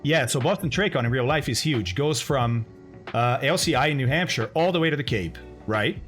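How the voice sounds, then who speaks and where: A man's voice: medium pitch, lively intonation, moderate pace, a bit bright, soft background music. A man streaming a flight simulator, chatting casually with viewers, thinking aloud and laughing often. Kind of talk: casual live-stream chat.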